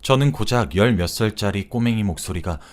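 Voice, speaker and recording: A man narrating a first-person story in a calm, scripted storytelling manner. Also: fairly low pitch, brisk.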